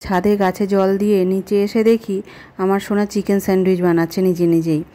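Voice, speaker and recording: A woman's voice: medium pitch, fairly even intonation, fast talker, dark tone. A middle-aged woman chatting casually and directly to her viewers as a family vlogger. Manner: conversational, addresses viewers directly. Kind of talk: casual home vlog chat.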